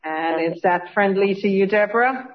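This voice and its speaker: A meeting chair running a public session in brisk procedural phrases. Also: mid-range voice. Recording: dull lo-fi audio.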